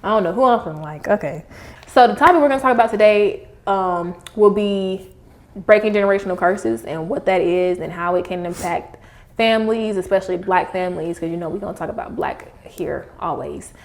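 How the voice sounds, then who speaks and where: A woman's voice: medium pitch, brisk, a little mellow. Young female podcast host, casual and conversational, slight lisp from wearing retainers. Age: young adult. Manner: speaking with retainers in. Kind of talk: casual chat.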